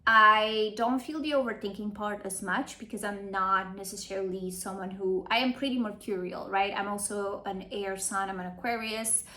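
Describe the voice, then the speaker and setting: Speaking at a moderate, steady pace with few pauses, this late-20s Romanian astrologer has a bright, forceful mid-range voice. She chats through her travels in a relaxed explanatory vlog, defining terms and tacking on tag questions like "right?".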